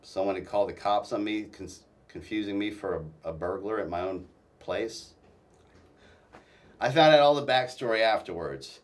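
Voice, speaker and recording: A man with a low voice tells a personal story as an interview guest. He speaks haltingly, breaking off and restarting his sentences. He sits a bit back from the microphone. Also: far from the mic.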